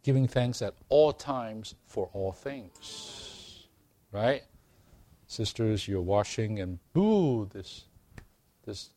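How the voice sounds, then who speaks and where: A man preaching a sermon to a congregation, earnest and unhurried, growing emphatic as he reads and explains scripture. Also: fairly low pitch, no echo. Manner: slow, earnest, calls for amens, rising to emphatic preaching.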